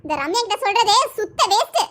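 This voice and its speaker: A woman's voice: extremely high pitch, expressive, fairly quick. A woman doing a cheeky scheming cartoon maid. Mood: wheedling. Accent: Tirunelveli Tamil. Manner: wheedling, gossipy. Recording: noisy cartoon voice track.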